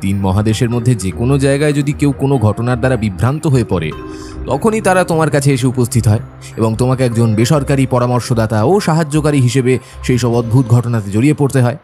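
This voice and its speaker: An actor playing Dr Watson, a genial, sceptical gentleman who tells the story in the first person, with expressive delivery and a husky voice. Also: medium pitch, quick pace, soft background music, natural voice. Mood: sceptical, animated.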